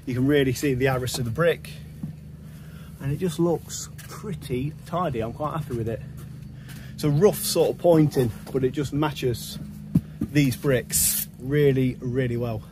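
For a vlog shot on a building site, a young man who lays bricks talks about his work in a casual, quick, no-nonsense way. His voice is mid-range, and there's noise in the background.

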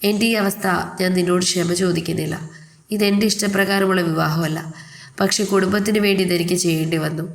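A woman voicing a reserved young husband who speaks quietly and evenly in a storybook reading. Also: lowish voice, fairly even intonation, creaky. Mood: cool, detached. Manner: quiet, measured, cool.

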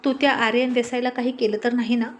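A woman's voice: on the high side, flat delivery, fast, lightly acted. A woman voicing a panicked crime boss. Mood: urgent. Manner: urgent, shouting orders.

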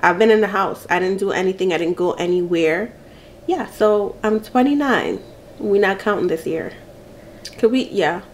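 A woman's voice: mid-range voice, moderate pace, a little hiss or hum. A woman, chatting playfully and laughing often as she answers get-to-know-me questions while eating. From Jamaica. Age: 30s. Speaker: mukbang vlogger.

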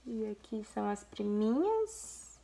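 Speaking straight to her audience, this young Brazilian mother and vlogger gushes over a photo album in a relaxed video. She has a fairly high, mellow, creaky voice that is very animated yet unhurried, carrying a Brazilian Portuguese accent.

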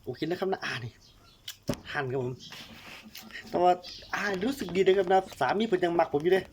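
A man's voice: high-pitched, brisk, a little mellow, slight background noise. A man, vlogging while cooking and joking playfully, teasing and making silly sound effects. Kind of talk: joking casual monologue.

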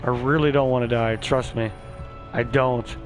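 A man giving casual let's-play commentary, excitable and swearing, chatting to the creatures on screen. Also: mid-range voice, normal speed, soft background music, low-quality recording. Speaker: gameplay streamer.

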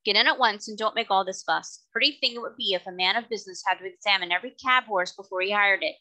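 A bossy, blustering father who waves away every objection and orders his family about, with a woman putting him on for a storybook. He speaks briskly and loudly, with impatience in every line. His voice is bright and sharp-edged. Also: a little high, sing-song. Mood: impatient. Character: blustering, bossy man of business.

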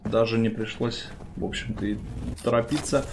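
A man's voice: mid-range voice, steady tone, normal speed. A man giving live esports commentary in an informal way, full of gamer slang. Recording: clear background game noise.

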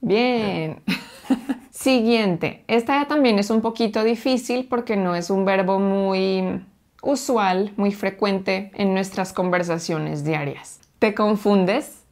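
A woman teaching Spanish, running a patient drill and sounding out each syllable clearly. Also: mid-range voice, takes it slowly, darkish tone. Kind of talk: slow, clear language drill.

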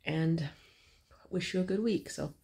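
A woman in her fifties chatting to a phone camera at home while babysitting, doting and quick to laugh. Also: low-pitched, gravelly, mellow. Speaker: grandmother vlogger. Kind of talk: casual chat to camera.

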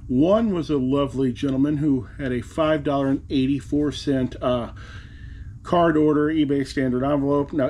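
With a mid-range, darkish voice and a bit of hiss or hum on the recording, a reseller vlogger in his forties addresses the camera in front of his desk in a cluttered room. He talks casually and wryly, wandering off into asides.

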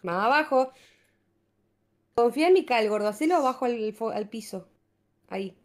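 A young Argentine woman with a high voice streams a puzzle game in casual chat. She keeps giving her partner pointed instructions, bossy and quick to correct. Her Argentine accent colors every phrase. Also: animated. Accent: Argentine Spanish.

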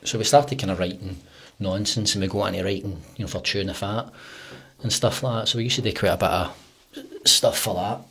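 A man with a broad Glaswegian Scots accent and a husky voice, telling comic anecdotes in casual, sweary slang on a close studio mic. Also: fairly low pitch, steady tone, fairly quick, a bit bright. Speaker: podcast guest, comedy writer and actor. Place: small podcast studio. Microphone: close studio condenser on arm.

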